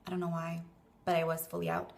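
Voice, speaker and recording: A woman's voice: fairly low pitch, completely flat delivery, quick pace, gravelly, slight background noise. A young Canadian woman who sounds tired and weak after surgery, rambling hesitantly through a casual vlog and trailing off breathily into near-whispers. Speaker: vlogger.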